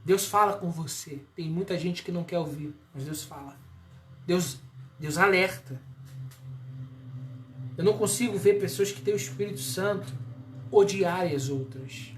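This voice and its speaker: A man's voice: high-pitched, unhurried, pauses often, echoey room, slight background noise. A man with a Brazilian Portuguese accent preaching a sermon, emphatic and full of rhetorical questions.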